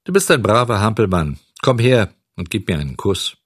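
A man voicing a gruff, fearsome but soft-hearted puppet-theatre director while reading a storybook aloud. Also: on the low side, very animated, normal speed, dry recording, studio quality. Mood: grudging.

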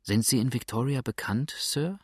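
A man reading the part of a frightened, grieving young woman in an audiobook, speaking softly and anxiously. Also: medium pitch, moderate pace, slightly rough, no echo, clean studio sound, pitched above the performer's own voice, natural voice. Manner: soft, anxious and hushed.

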